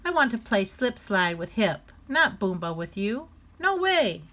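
A woman voicing a five-year-old penguin boy, a bossy big brother who shows off in a high squealing voice for a storybook. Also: big pitch swings, measured pace, a bit bright. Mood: refusing.

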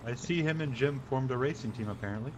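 A man with a husky voice chatting casually with fellow roleplayers and making dry, offhand remarks. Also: medium pitch, fast. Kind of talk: casual in-game chat.

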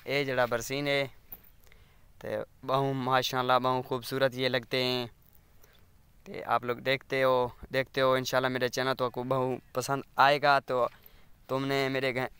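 A man with a Saraiki accent chats as he walks his fields and films on a phone. His voice is bright and very clear, and he keeps an even, level tone. The close sound is dry, with no room echo. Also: mid-range voice, measured pace. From Pakistan. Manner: rambling, chatty, keeps asking viewers to subscribe. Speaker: village vlogger. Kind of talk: casual walking vlog. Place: outdoors among farm fields. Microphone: phone camera.

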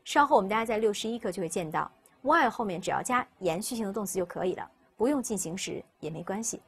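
Husky-voiced woman teaching vocabulary. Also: medium pitch, lively intonation, fast. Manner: explaining step by step, repeating words for students to follow. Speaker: English teacher. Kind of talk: recorded vocabulary lesson.

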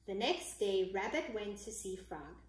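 A woman's voice: medium pitch, expressive, unhurried. A woman reading a picture book aloud to children, chatty and encouraging as she invites them to get comfy. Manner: warm, chatty and encouraging to young listeners. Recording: echoey room.

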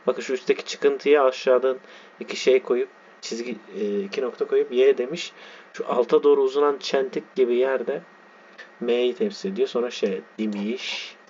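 A man teaching a lesson, reading a text aloud slowly and spelling out its letters and words as he explains them. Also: medium pitch, darkish tone, slightly rough. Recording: dull lo-fi sound with faint background noise.

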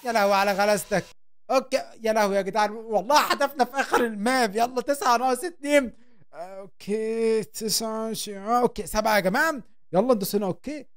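A young man with an Egyptian Arabic accent giving excitable, joking let's-play commentary as a gaming host, talking to viewers. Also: sits high, quick pace, clean tone.

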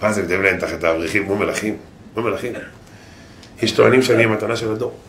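A man's voice: lowish voice, a little hiss or hum. A man, a rabbi, giving a humorous sermon full of stories and impressions. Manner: lively storytelling with impressions.

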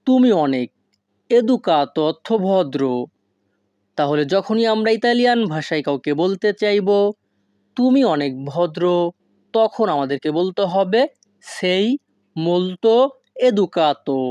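A language teacher gives an instructional lesson at a very unhurried pace. Each foreign word is spelled out separately and deliberately. The recording is dry, with no room echo. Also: medium pitch, a little mellow. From Bengali-speaking. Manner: slow and deliberate, spells out foreign words piece by piece.

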